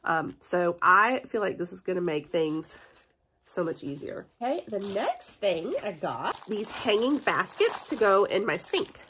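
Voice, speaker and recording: A woman in her forties chatting excitedly through a haul review vlog, stuffy from a cold, laughing often. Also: mid-range voice, a little slow, a little hiss or hum. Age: 40s. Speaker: beauty and haul vlogger. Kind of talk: casual product review vlog.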